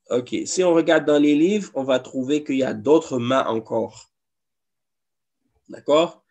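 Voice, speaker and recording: This Arabic teacher in a mosque classroom has a creaky, mid-range voice with a darkish tone. His lesson is patient, and he repeats each example.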